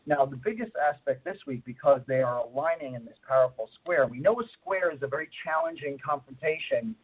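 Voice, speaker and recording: A man's voice: medium pitch, fairly quick, slightly rough. A middle-aged man co-hosting a radio show by phone, rambling through explanations with many fillers, his voice muffled and distant as if through a long tube. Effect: muffled distant phone line, as if talking through a long tube. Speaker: radio co-host and astrologer. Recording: tinny phone line.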